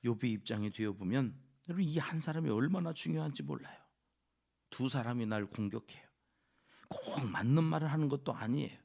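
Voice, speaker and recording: A male pastor giving an early-morning sermon in a church, lively and acting out what others say. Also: mid-range voice, a little fast, gravelly. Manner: lively, acts out quoted speakers. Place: church sanctuary.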